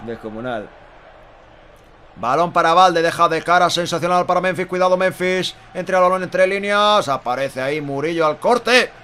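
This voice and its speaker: A man's voice: high voice, moderate pace, sharp tone, clear, resonant tone. A man in his thirties with an accent from Spain gives live Spanish football goal commentary as a fan, emphatic, repetitive and exclaiming. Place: small indoor room at home.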